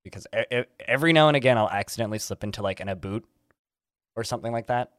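A man's voice: mid-range voice, rapid-fire, a bit bright, no echo, clean studio sound. A man with a Canadian accent from the Pacific Northwest, co-hosting a podcast in casual chat with joking asides. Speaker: podcast co-host.

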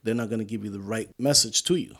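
A middle-aged man with a gravelly, fry-edged voice talks casually about faith and family. He rambles, circles back often and keeps saying "you know." His throat sounds scratchy. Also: on the low side, fast, a bit bright. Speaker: podcast co-host.

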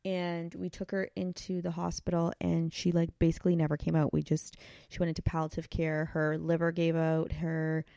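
A woman speaks in a low, gravelly voice, halting and full of fillers as she fights back tears. The sound is close and dry, with the feel of a relaxed conversation. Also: dry recording. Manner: emotional, halting, many fillers. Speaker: podcast guest. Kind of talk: casual chat.

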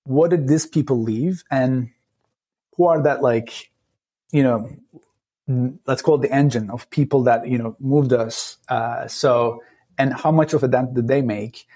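The speaker is a Turkish-accented man from Turkey, late thirties, guesting on a podcast in a casual interview. He is thoughtful and regularly pauses searching for words, and his medium-pitched voice is dark and husky.

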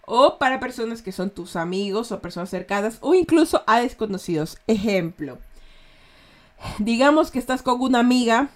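A woman's voice: on the high side, expressive, normal speed. Chatty Ecuadorian woman teaching slang. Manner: chatty, checks in with "¿ya?" often. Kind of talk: casual slang lesson.

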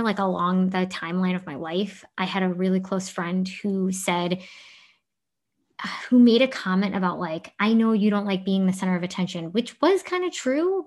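A woman in her thirties co-hosts a podcast and speaks with earnest openness. Her tone is casual and personal, and a swear word slips in now and then. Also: mid-range voice. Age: 30s. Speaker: podcast co-host.

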